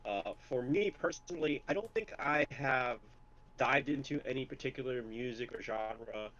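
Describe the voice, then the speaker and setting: A man hosts a casual streaming podcast in a mid-pitched voice. He speaks in a measured, thoughtful way. The sound is a bit dull and muffled. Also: fairly bright tone. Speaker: podcast host. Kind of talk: casual chat.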